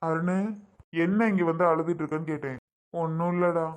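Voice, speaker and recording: A man's voice: on the high side, steady tone, fairly quick, muffled recording, natural voice. A man acting in a short family drama skit, pouring out complaints about family troubles and pleading for help. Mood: aggrieved.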